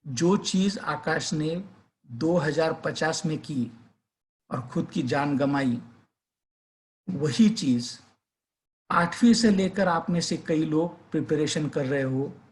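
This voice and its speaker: A man's voice: a little high, slow pace, long pauses. A male teacher telling a suspenseful story, then earnestly urging students to revise. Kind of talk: storytelling and motivational advice to students.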